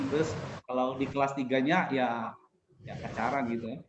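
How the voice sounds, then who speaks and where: A man's voice: medium pitch, huge pitch swings, measured pace. Man in his thirties, roomy lo-fi sound. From North Sumatra, Indonesia. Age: 30s. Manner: laughing, hesitant storytelling. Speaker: teacher, podcast guest. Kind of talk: casual interview chat. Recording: roomy, dull lo-fi with faint noise.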